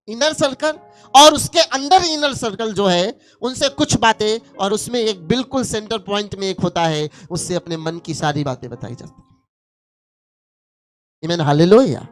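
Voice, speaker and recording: Very high-voiced male pastor preaching. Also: expressive, moderate pace, fairly bright tone. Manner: exhorts the congregation with rhythmic, repeated calls. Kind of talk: sermon.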